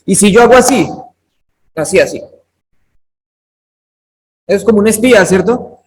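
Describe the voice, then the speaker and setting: Man with a high voice teaching a Bible class over a video call, chatty, calls on students by name. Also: expressive, measured pace, slight background noise, low-quality recording. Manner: conversational, questions students by name. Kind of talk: interactive online class lecture.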